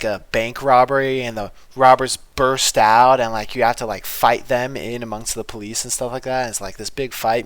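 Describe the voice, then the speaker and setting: A man chatting casually about his game plans in a rambling, filler-heavy way with deadpan absurd humor. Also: mid-range voice, no room sound. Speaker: game developer and video host. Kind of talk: casual devlog chat.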